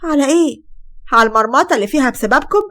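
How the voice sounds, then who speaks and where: A woman's voice: sits high, animated, racing, a bit bright. A woman voicing a young Egyptian wife, worn down and aggrieved, speaking in a pleading tone. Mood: angry.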